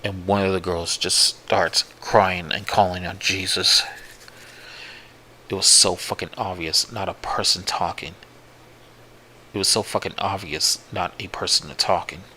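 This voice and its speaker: A man slowly tells a true-sounding horror story in the first person, swearing often and circling back over his own words. His voice sits very low, yet its tone is sharp and bright. A faint hiss runs under the recording. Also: flat delivery, poor audio. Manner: profane, slow, repetitive retelling.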